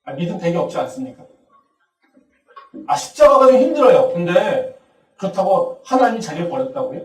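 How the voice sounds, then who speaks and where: A high-pitched man preaches a sermon at a campus church. He acts out the voices he quotes and builds up to shouting. His voice is caught from a distance and rings through a roomy, echoing hall. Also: sing-song, fairly quick. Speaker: pastor.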